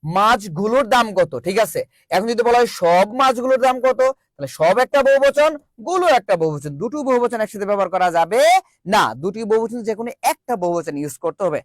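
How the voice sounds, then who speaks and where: A man's voice: sits high, expressive, quick pace, no room sound. A man teaching an online grammar class, drilling students with call-and-response and repeating each question. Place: virtual classroom.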